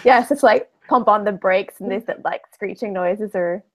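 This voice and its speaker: A woman playing a tabletop roleplaying game, narrating casually and haltingly as she thinks aloud. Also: medium pitch, low-quality recording.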